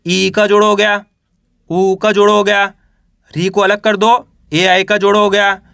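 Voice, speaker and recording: A man's voice: sits high, flat delivery, unhurried, gravelly, fairly bright tone, clean tone, no room sound, studio quality. A man teaching reading, patiently drilling each letter with repeated questions and example words. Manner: patient, repetitive drilling of syllables. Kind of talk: classroom-style spoken lesson.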